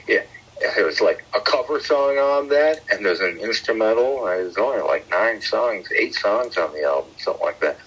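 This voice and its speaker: A man co-hosting a podcast, talking in an animated, rambling way and laughing often. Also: fairly low pitch, slightly rough, muffled recording. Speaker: podcast co-host. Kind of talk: casual chat.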